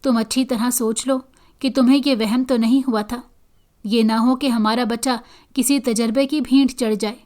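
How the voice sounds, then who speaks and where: A woman's voice: on the high side, steady tone, darkish tone, lightly acted. A woman voicing a young husband who speaks in a matter-of-fact, cautioning way in a horror storybook reading. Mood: cautious. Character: young husband, practical, mildly doubtful.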